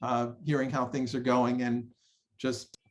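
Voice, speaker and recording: A man's voice: medium pitch, little pitch movement, measured pace. Affirming man hosting a podcast. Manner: affirming and enthusiastic. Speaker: podcast host. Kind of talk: podcast conversation.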